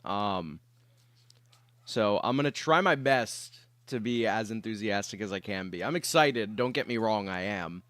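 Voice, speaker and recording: A sick young man chats casually with his livestream viewers from his bedroom, coughing and clearing his throat as he rambles. His lowish voice is animated, a little slow and fairly bright, recorded dry, and his laid-back talk is full of fillers.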